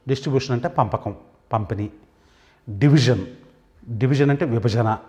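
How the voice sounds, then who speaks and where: A man's voice: medium pitch, a little mellow, lo-fi sound. Telugu man teaching English words. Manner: says each English word, then gives its meaning, pausing between items. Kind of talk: vocabulary lesson.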